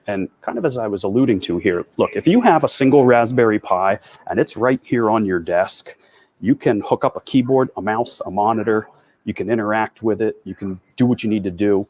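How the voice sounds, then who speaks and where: A man giving a fast, upbeat, conversational tech talk as a developer advocate over a video call. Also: lowish voice, a little mellow. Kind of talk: tech meetup presentation.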